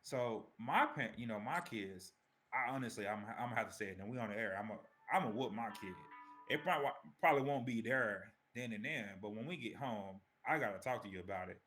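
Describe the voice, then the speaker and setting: A man in casual panel talk presses his point hard, repeating words as he goes. His pitch is middling and his delivery stays plain. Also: expressive, fairly quick, fairly bright tone, faint music behind.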